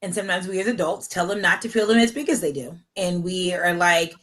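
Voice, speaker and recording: A woman's voice: on the low side, brisk, a bit bright, low-quality recording. Candid self-mocking woman host. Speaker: podcast host. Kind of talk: casual chat.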